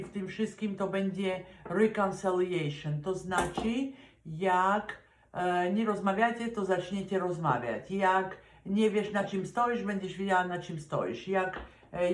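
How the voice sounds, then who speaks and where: A man's voice: sits high, roomy sound. A man from Poland giving a casual weekly tarot reading, chatty and direct with advice, slipping English words into his speech. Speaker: tarot reader.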